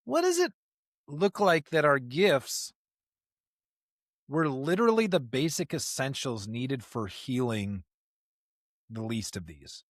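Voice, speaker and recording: Co-hosting a podcast, this medium-pitched man discusses religion reflectively and conversationally, earnest and emphatic, with rhetorical questions. He speaks slowly with big pitch swings and frequent pauses, and the sound is dry and clean, as in a studio.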